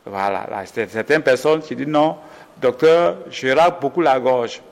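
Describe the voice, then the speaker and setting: This male doctor has a gravelly, medium-pitched voice with a long reverb tail. Interviewed about symptoms, he explains them patiently in a measured way, repeatedly restarting and fixing his own wording.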